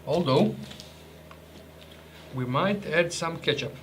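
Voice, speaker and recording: A man's voice: a little high, animated, takes it slowly, slight background noise. Joking man tasting rations. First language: Croatian. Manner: chatty, joking, restarts and hesitations. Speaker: ration reviewer. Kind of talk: casual food review vlog.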